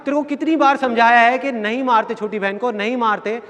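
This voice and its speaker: Man doing angry father, shouting, scolding, high raised voice, long hall echo. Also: fairly even intonation, a little fast. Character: angry father scolding his young son.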